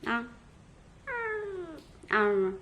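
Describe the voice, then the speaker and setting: A woman's voice: mid-range voice, fairly even intonation, drawn-out words, a bit bright, highs cut off, slight background noise. A woman talking to her pet cat at home in coaxing baby talk, scolding it playfully. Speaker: cat owner vlogger. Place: home, indoors.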